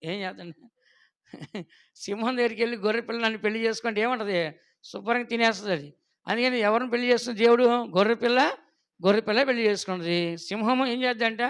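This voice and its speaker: Male pastor, sermon, high voice, smooth and resonant, quizzes the congregation, animated stories. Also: fast talker. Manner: asks the congregation questions and prompts answers; animated storytelling with quoted voices.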